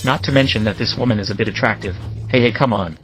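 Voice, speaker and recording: A man's voice: on the low side, fast talker, a bit bright, faint music behind, natural voice. A man voicing an arrogant, greedy security captain in an English drama dub, sneering and bullying. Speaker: dub actor.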